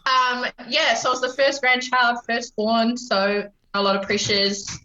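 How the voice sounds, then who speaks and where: A woman in her late twenties with a New Zealand accent talks casually as a podcast guest, peppering her sentences with ums. Her voice is bright and forward, though the line sounds roomy and somewhat muffled. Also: on the high side, level tone, unhurried, slight background noise. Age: 20s. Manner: chatty, frequent ums, laughs easily. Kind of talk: casual interview chat. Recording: roomy, dull lo-fi remote line.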